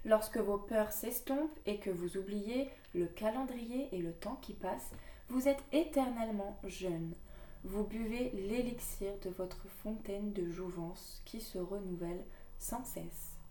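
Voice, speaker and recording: A woman reading oracle cards aloud, with gentle, musing asides and fillers between readings. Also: mid-range voice, measured pace, a little hiss or hum. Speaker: card reader. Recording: echoey room, voice from a distance.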